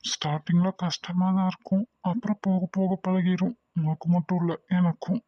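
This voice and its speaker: A woman voicing a withdrawn, guilt-ridden young man in an animated drama, speaking in subdued, weary, curt replies. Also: fairly low pitch, moderate pace, dry recording, muffled recording, natural voice. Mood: weary, brooding.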